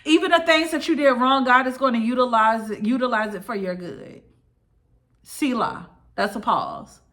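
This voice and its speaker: A woman's voice: fairly high pitch, moderate pace, a bit bright. A woman preaching an informal sermon straight to her listeners. She speaks emphatically, repeats her key lines and drops in casual asides.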